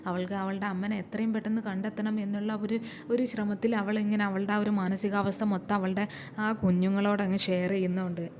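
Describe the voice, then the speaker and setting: A woman's voice: medium pitch, a little mellow. A woman casually retelling the plot of a TV serial in a chatty, rambling way. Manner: chatty, repeats fillers. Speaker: serial recap narrator. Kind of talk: casual storytelling recap.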